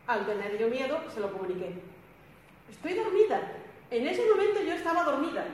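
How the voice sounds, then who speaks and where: Woman, emphatic spiritual speaker, slightly high pitch, long hall reverb with faint noise. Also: sing-song, fast talker. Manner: emphatic, repeats phrases, acts out quotes. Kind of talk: spiritual talk to a group. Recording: echoey hall, some background noise.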